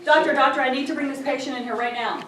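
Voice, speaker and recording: Woman playing a frantic doctor rushing a patient. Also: sits high, fairly even intonation, fairly bright tone. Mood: urgent. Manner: urgent, hurried, flustered. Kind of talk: improvised comedy scene. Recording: echoey distant stage audio with crowd and noise.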